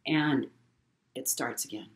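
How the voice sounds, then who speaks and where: A middle-aged woman telling a personal story in a halting way, repeating words and using many fillers. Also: rumbling low. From Hawaii. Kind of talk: casual spoken storytelling.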